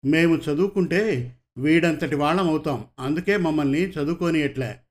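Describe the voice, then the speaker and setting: A clever ten-year-old village boy talks back boldly and stubbornly, as a male storyteller puts him on. The voice stays a little high and eager, with a defiant edge. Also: normal speed, lightly acted. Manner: bold, defiant.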